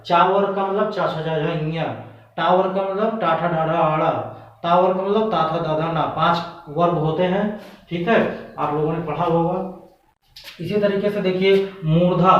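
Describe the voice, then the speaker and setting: A man teaching Hindi grammar for an exam-prep lesson. He talks patiently and asks questions that he then answers himself. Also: high-pitched. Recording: echoey room, voice from a distance, dull sound.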